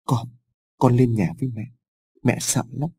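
A man voicing a frightened, tearful older village mother who pleads softly in an audiobook story. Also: mid-range voice, expressive, fairly quick, breathy edge, no echo. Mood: fearful pleading. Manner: soft, pleading, sobbing.

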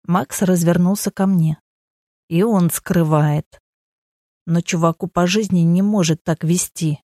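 Woman narrating an audiobook, low and dry. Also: steady tone, unhurried, mellow, no echo. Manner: wry, conversational storytelling. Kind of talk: first-person audiobook narration.

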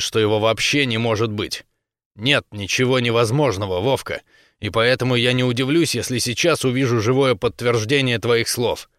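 A man voicing a grim, stubborn young male warrior who talks in a gruff, brooding way. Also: mid-range voice, fairly bright tone, no echo, clean studio sound, natural voice.

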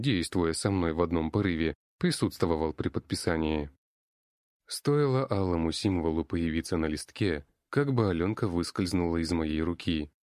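A man narrating an audiobook in a steady, even storytelling manner. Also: low-pitched, no echo, clean studio sound. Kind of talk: audiobook reading.

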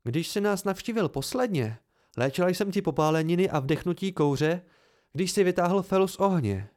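A brisk young woman healer with a dry, teasing wit, as a male reader raises his voice to play her. She talks crisply and matter-of-factly, her lifted pitch bright against the narration. It is an amateur storybook reading. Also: lively intonation. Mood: wry.

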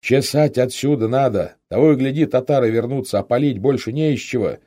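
A man voicing an exhausted, dazed young male gunner who talks weakly and slowly. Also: mid-range voice, dark tone, voice pushed up, lightly acted. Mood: weary gruff. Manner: weak, mumbling, slow.

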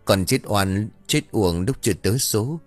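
Một người đàn ông đọc lời hồn ma cậu bé chết đuối nhập vào bà đồng, giọng buồn bã, dặn dò. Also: male voice, on the low side, expressive, a little slow, no room sound, faint music behind. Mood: sorrowful. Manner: mournful, gently admonishing. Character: drowned boy's ghost speaking through an old woman.

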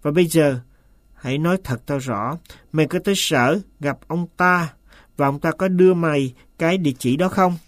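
A man voicing an anxious master who turns shrill and hissing when upset, read as an audiobook in a dry, close sound. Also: moderate pace, no echo, natural voice. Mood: coaxing.

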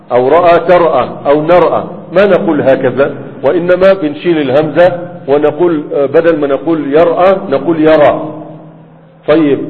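A man with an Egyptian Arabic accent teaching grammar in a classroom lecture, often quizzing his students with "right?" and "what?". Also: on the high side. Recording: phone-like, with a long hall reverb.

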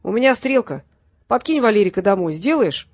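A stern, bearded man giving brisk, fatherly orders, as a woman narrator puts him on. His manner is curt and commanding, with no wasted words. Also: medium pitch, sing-song, slightly rough.

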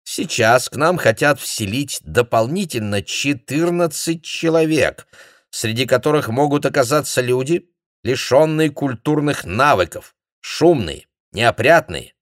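A man's voice: on the low side, big pitch swings, moderate pace, a bit bright, dry recording, studio quality, voice pushed up. A man doing a pompous, nagging intellectual. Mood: complaining. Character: bilious, pompous middle-aged male intellectual.

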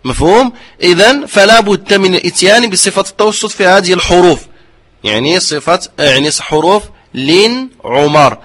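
Guy teaching tajweed, a bit high-pitched, keeps asking if everyone got it. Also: fairly bright tone. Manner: checks understanding with repeated questions; slowly drawn-out demonstrations of pronunciation. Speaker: Quran recitation teacher. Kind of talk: explanatory religious lesson.

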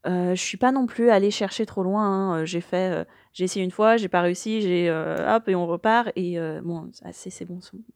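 A woman's voice: fairly low pitch, moderate pace, few pauses, darkish tone, no echo, clean studio sound. A young woman in a casual spoken afterword to her podfic reading, rambling and hesitant with many fillers. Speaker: podfic reader.

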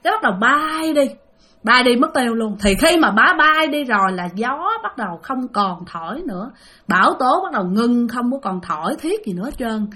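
A woman narrates a ghost story in a chatty, lively voice. Her voice is bright and sits fairly high. She often turns to talk straight to her listeners. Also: normal speed, husky. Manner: chatty, addresses listeners directly.

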